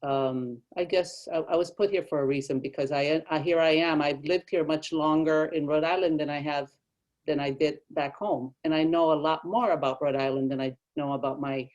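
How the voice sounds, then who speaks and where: A middle-aged woman from Mexico, raised in Texas, an arts director speaking in a roundtable with a warm, halting manner full of restarts. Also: low-pitched, dull audio. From born in Mexico, raised in Texas. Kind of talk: roundtable discussion.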